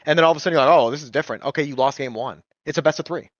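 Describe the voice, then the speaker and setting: A man talks fast and with energy, telling stories and acting out the voices of players. The recording is dry and a little muffled, with no room sound. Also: on the high side, no echo. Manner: animated storytelling, acts out players' voices. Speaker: esports coach and guest. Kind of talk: casual podcast chat.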